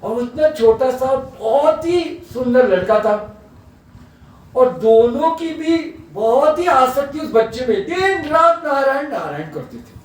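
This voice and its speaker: A man's voice: extremely high pitch, expressive, takes it slowly. A man, a spiritual teacher, tells a religious story as a sermon and acts out its characters. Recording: echoey hall, far from mic.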